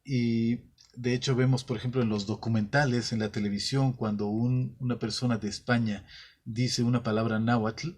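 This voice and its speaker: A man with a Mexican accent, the host of his own channel, explaining a topic in a casual way and often pausing to rephrase his thoughts. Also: mid-range voice, fairly even intonation, a little mellow.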